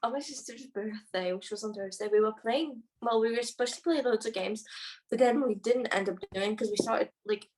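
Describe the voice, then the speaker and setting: A woman's voice: a little high, fairly quick, darkish tone, low-quality recording. A teenage girl co-hosting a podcast, chatting casually and rambling through stories. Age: teens. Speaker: podcast co-host. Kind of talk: casual chat.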